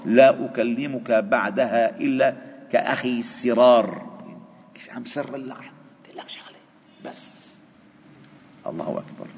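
A man with a Lebanese accent teaching a religious lesson in a mosque. He reads a classical text formally and explains it in lively colloquial asides. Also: medium pitch. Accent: Lebanese Arabic. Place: mosque prayer hall. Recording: long reverb of a mosque hall.

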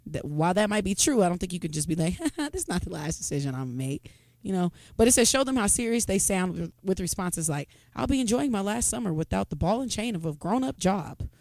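A woman co-hosting a casual podcast chat, laughing often and acting out quoted lines in a higher voice. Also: animated, quick pace, few pauses, a little mellow, no echo. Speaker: podcast co-host.

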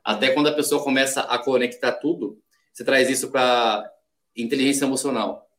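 A man's voice: medium pitch, fairly even intonation, brisk, fairly bright tone. A man from Brazil, a podcast guest in casual chat, explaining ideas step by step and acting out little quoted examples. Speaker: podcast guest, sales development rep.

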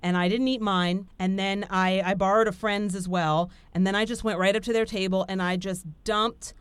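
A woman hosting a podcast, telling stories in a lively casual chat with lots of fillers. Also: medium pitch, moderate pace, clean tone, no echo. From Italian heritage. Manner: animated, storytelling with frequent fillers. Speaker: podcast host. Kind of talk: casual conversation.

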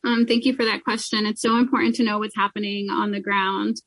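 A woman gives unscripted interview answers as a community organizer. Her mid-range voice stays very even as she explains earnestly. The recording is dry and free of echo. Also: medium pitch, fairly quick.

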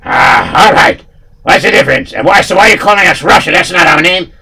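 A man storyteller voicing a blunt, gullible male henchman who is loud and brash. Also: sits high, expressive, fairly quick, creaky, slightly rough, pitched above the performer's own voice, full character voice. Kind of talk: storytelling with put-on voices.

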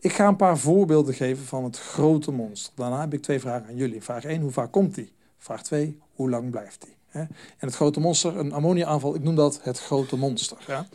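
A man leads a group session as a stop-smoking trainer, lively and animated. He slips into little voices and phone-call scenes as he talks. His voice sits a touch on the high side. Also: fairly quick.

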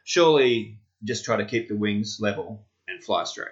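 Low-voiced man, dull recording. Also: animated, normal speed. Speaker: podcast co-host. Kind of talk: casual chat. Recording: dull, lo-fi sound.

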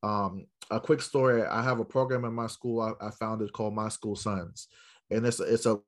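Emphatic American man telling stories. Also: on the low side. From South Central Los Angeles, United States. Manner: emphatic, addresses listeners directly, rhetorical questions. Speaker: educator and school mentor, podcast guest. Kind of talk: storytelling interview answer to a live audience.

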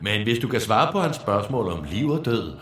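A man's voice: on the low side, very animated, a bit bright. An actor playing a solemn male herald of death, announcing in a pompous, theatrical way. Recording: echoey room with faint noise.

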